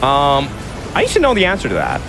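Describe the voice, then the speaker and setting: A man's voice: a little high, wildly swooping pitch, a little fast, low-quality recording. A man playing a game live, commenting casually with joking, self-deprecating exaggeration. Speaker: gamer, speedrunner playing live. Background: game music and sound effects.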